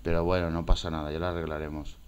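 A man with a deep, low voice talks casually while walking through something on his computer screen. He rambles, restarts and repeats phrases as he thinks aloud, in an offhand, unscripted way. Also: level tone, quick pace, clear, resonant tone. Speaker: screencast maker. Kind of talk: casual screen-recorded demo.

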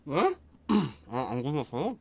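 A man eating on camera, mumbling short, slow remarks with his mouth full while chewing. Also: on the high side, big pitch swings, vocal fry, noisy background. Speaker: mukbang creator. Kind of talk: casual eating commentary.

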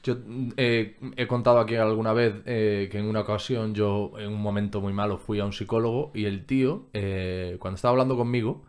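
A man with a Spain Spanish accent, hosting a podcast, asking calm questions and relating his own experience. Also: fairly low pitch, a little fast, few pauses. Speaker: podcast host. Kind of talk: casual interview conversation.

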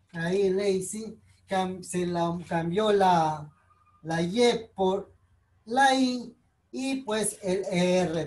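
Patient woman teacher, measured delivery, spells things out for her students. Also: medium pitch, a little mellow. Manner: patient, explains slowly step by step, spells out letters. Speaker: English teacher. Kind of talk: recorded online class explanation.

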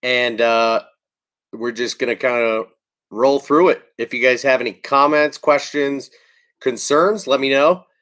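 A man's voice: mid-range voice, a little slow, a bit bright. A man in his thirties hosting a casual fishing livestream from home, chatting easily and greeting viewers by name.

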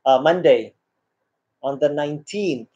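Slightly high and a little slow, this man's mellow voice carries his friendly live-stream chatter as he reads comments out loud, greets people by name, and laughs often. He's in his 30s, sitting in a small room, and his laptop webcam mic sounds dull and lo-fi.

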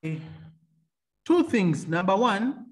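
A man's voice: high voice, sing-song, extremely slow, soft background music. A man, an engineer turned entrepreneur, telling stories about his faith and business in an interview. He laughs often and acts out the voices of other people. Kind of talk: faith-filled storytelling interview.

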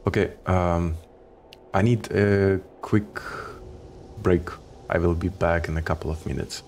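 A man with a Ukrainian accent giving relaxed, casual commentary while streaming a game, swearing offhandedly. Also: low-pitched, measured pace, a little hiss or hum.

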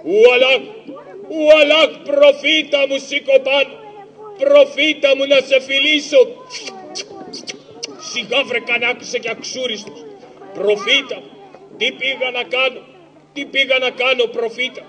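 A man voicing a cheeky, poor shadow-puppet trickster in a high, nasal, wheedling tone at an outdoor show. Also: little pitch movement, pushed and bright, full character voice. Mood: overjoyed. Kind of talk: live shadow-puppet theater.

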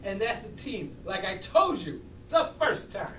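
In an acting class comedy scene, a man plays a stubborn, easily riled basketball coach arguing insistently with a friend, using a full, high, sing-song character voice that is a bit bright and measured in pace. The indoor room is large with a small stage. A far camera makes the sound distant and echoey, with hum and noise.

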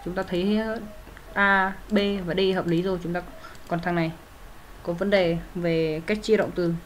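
Woman explaining grammar, soft hum behind. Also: lowish voice, steady tone, normal speed. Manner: methodical, with frequent fillers and self-corrections. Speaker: English teacher.

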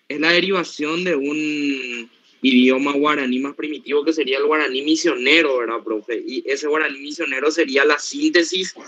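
A man's voice: fairly high pitch, bright, forceful tone, highs cut off. A man, a student asking a tentative question to check his understanding in an online class.

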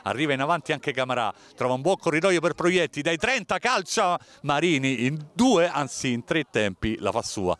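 Guy calling a football match, high voice, breathless excited goal commentary style. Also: moderate pace, few pauses. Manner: breathless, shouted excitement at goals and key action.

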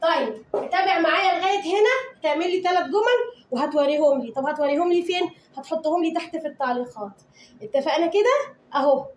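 A woman with an Egyptian Arabic accent who has a cold, teaching English grammar to children in a lively, coaxing way and chanting the rules in a sing-song voice. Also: extremely high pitch, quick pace, roomy sound, distant mic, a little hiss or hum, low-quality recording. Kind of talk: online grammar lesson to children.

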